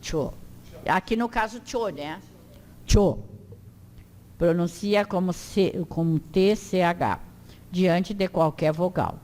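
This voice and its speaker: A woman teaching an Esperanto class, slowly drilling pronunciation for her students to repeat in a classroom. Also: fairly low pitch, a little mellow. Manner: slow, drawn-out drilling of words for learners to repeat. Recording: long hall reverb.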